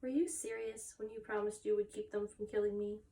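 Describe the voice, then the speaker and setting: Woman voicing a soft, innocent young pig. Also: mid-range voice, fairly even intonation, brisk, voice pushed up, close to an everyday voice. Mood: fearful, soft. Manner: soft, pleading, childlike. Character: innocent, anxious young male pig, gentle and trusting.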